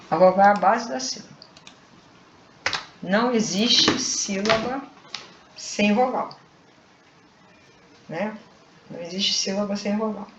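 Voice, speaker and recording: A woman's voice: medium pitch, background noise. A woman teacher giving a recorded online grammar lesson, explaining patiently and checking in with frequent tag questions. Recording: echoey room, dull lo-fi sound.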